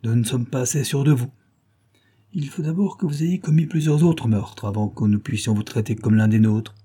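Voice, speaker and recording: A man's voice: mid-range voice, moderate pace, warm tone, breathy edge, lightly acted. A man reading an audiobook, voicing the cold adult male leader of a secret gang, who talks in a solemn, commanding and menacing way.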